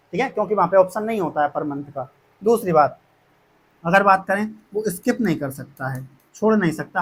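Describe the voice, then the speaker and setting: A man with a notably high-pitched voice speaks to his students like a teacher. He explains plans step by step, often circling back and repeating himself to reassure them. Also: a little hiss or hum. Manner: repetitive, reassuring, addresses students as kids. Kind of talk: explaining course fees to students.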